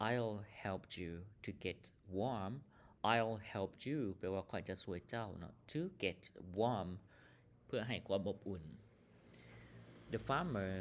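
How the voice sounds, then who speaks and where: A male teacher works through an English lesson. His voice sits fairly low and he speaks very slowly, repeating each English phrase before translating it. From Laos. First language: Lao.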